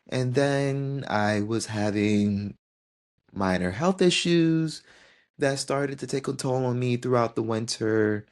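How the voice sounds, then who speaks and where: A woman in her twenties hosting her own podcast, talking alone in a gentle, heartfelt and unhurried way. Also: very deep voice. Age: 20s. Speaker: podcast host. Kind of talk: solo reflective podcast monologue.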